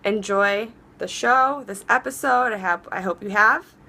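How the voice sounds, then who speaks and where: A woman's voice: medium pitch, measured pace, creaky. Chatty, encouraging woman vlogger. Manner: chatty and rambling, with frequent restarts and laughs; warm, encouraging and upbeat. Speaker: vlog host. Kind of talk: casual advice vlog.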